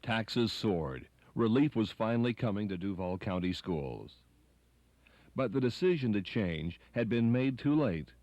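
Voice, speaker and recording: Reading a documentary script, a man with a fairly low, darkish voice uses lively intonation and an unhurried pace. The recording is dry and close, free of room sound.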